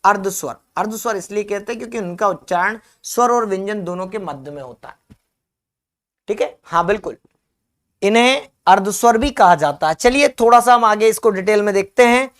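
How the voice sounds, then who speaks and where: Male teacher, live online class, asks and answers himself, repeats terms slowly. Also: high voice, a bit bright. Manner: drills by asking and answering his own questions; repeats key terms slowly for note-taking. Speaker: Hindi teacher.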